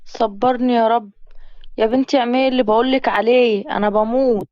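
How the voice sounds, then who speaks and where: A woman's voice: a little high, steady tone, brisk, dry recording, dull audio, close to an everyday voice. A woman with an Egyptian accent voicing a wounded man on the run who pleads urgently for help. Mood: urgent pleading. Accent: Egyptian Arabic.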